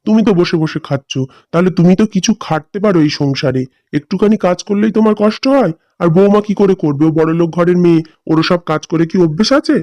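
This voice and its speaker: A man's voice: high voice, fast talker, darkish tone, no room sound, lightly acted. A man voicing a selfish, impatient grown son. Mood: callous. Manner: impatient and blunt. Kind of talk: cartoon voice acting.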